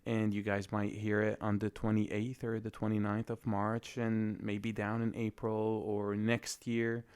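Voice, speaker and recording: A man's voice: on the low side, monotone, measured pace, darkish tone, smooth. A young man from Lebanon hosting a solo podcast, talking in a reflective, hesitant way with many fillers. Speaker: podcast host.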